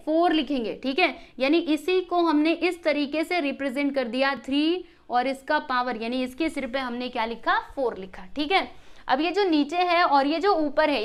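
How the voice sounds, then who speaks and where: A woman with a high voice talks through a maths lesson, explaining one small step at a time. She keeps checking in with the class and asks them questions before she gives the answer. It sounds like a close voice-over recorded while she writes on the board. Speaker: maths teacher.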